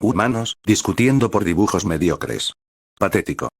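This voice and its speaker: A man's voice: lowish voice, lively intonation, moderate pace, slightly rough, no echo, studio quality. A man voicing a cold, elegant male demon lord who speaks curtly and with disdain. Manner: curt and disdainful.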